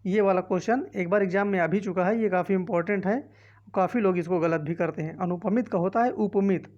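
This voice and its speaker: A little fast and darkish, a woman's fairly low voice is heard with the highs cut off. She's an exam-prep teacher with a north Indian Hindi accent, reading every multiple-choice option aloud and explaining the answers in a quiz walkthrough.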